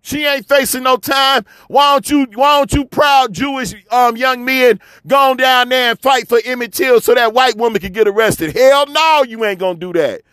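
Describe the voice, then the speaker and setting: Man from chicago, very high voice, smooth and resonant, fiery repetitive rant, dry close sound. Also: normal speed, hardly any pauses, fairly bright tone, no room sound. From Chicago, USA. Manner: fiery, repetitive, preachy, swears. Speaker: commentator. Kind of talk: impassioned monologue rant.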